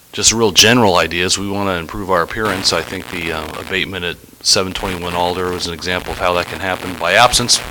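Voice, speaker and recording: A man giving a formal slide presentation as a city staff director, in a halting, hesitant way. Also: low-pitched. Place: public meeting room. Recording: faintly noisy meeting room recording.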